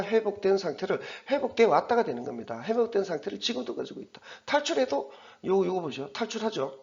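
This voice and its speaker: A man lectures on an exam passage, his voice a little higher than most and gravelly with fry, his pitch swinging in a lively way. He explains step by step and often restarts and corrects himself. The recording sounds dull and lo-fi. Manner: explanatory, self-correcting, frequent fillers and restarts. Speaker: English teacher.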